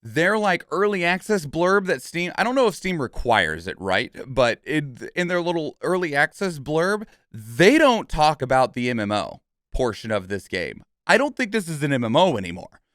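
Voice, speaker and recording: This man's voice runs a little high and very animated, at a normal speed with hardly any pauses and a fairly bright tone. Streaming casual, opinionated game commentary in a dry, studio-quality recording, he's emphatic, swears casually, and often tacks on "okay?" or "right?"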